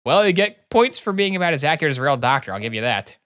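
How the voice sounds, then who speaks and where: A man's voice: fairly high pitch, very animated, fast, a bit bright, smooth. A man voicing a sardonic, blunt male doctor from a video game, with dry sarcasm. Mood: sarcastic. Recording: music behind the voice.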